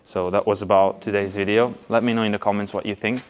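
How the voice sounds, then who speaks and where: A man's voice: on the low side, little pitch movement, fast talker. A man from Hungary with a Hungarian accent, talking to camera as a vlogger, emphatic and fond of rhetorical questions, stretching the words he stresses. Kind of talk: talking to camera, opinion vlog. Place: on location at old museum buildings. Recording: clear background ambient noise.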